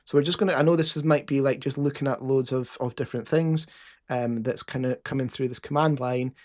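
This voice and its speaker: A man's voice: medium pitch, steady tone, a little fast, darkish tone. A man with a Scottish accent casually explaining a live coding session as host, with frequent fillers and restarts.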